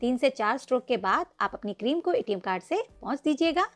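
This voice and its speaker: This baking tutorial voice-over comes from a female cooking channel host with a high, animated voice and a somewhat fast pace. Faint music plays behind her as she patiently walks her "friends" through icing a cake, one step at a time.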